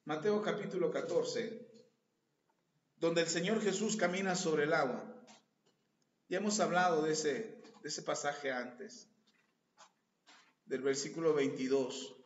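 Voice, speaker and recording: A man with a Mexican accent preaching a sermon as pastor, a lively storyteller who jokes and acts out the scenes he reads. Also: a little high, unhurried, pauses often. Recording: very echoey, dull lo-fi podcast audio.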